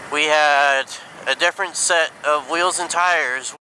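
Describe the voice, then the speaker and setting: A man talking casually and haltingly inside a helmet while riding a motorcycle, thinking aloud like a vlogger. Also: a little high, steady tone, sharp tone, rough recording. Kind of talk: casual rambling motovlog talk. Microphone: mic inside helmet. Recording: helmet mic, clear road and engine noise.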